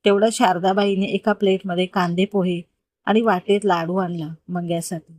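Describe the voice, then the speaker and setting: A woman's voice: on the low side, moderate pace, no room sound. Woman narrating a heartfelt story. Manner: steady, expressive reading.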